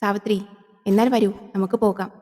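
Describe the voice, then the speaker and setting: A woman's voice: medium pitch, fairly even intonation, moderate pace, darkish tone, lightly acted. A woman plays a simple, timid village man who speaks fearfully and hesitantly in a horror audio drama. A long hall reverb trails each line. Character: timid, simple-hearted male village servant.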